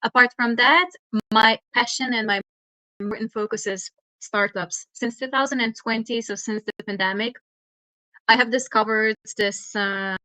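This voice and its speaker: Bright woman speaker. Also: mid-range voice, no room sound, poor audio. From Hungary. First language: Hungarian. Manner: earnest, with frequent hesitations. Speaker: guest speaker, startup mentor. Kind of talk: online talk presentation.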